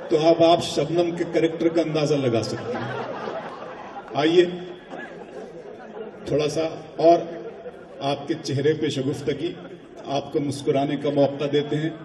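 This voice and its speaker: A man's voice: on the high side, fairly even intonation, long pauses, crowd noise. A man hosting a live poetry gathering, telling a theatrical joke on stage. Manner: storytelling, theatrical. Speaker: mushaira host. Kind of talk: stage compering with jokes. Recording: echoey hall, distant mic.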